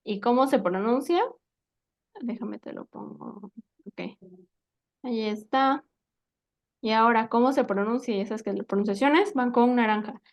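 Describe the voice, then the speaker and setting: A woman's voice: on the high side, unhurried, vocal fry, pauses often. Patient woman teaching English. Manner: patient, checks understanding with frequent questions. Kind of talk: spoken language lesson.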